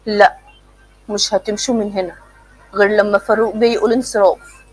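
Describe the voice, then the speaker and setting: A woman's voice: mid-range voice, steady tone, brisk, breathy edge, faint music behind, lightly acted, low-quality recording. A threatening thug, as a woman puts him on. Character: man, thug who hands people over for money.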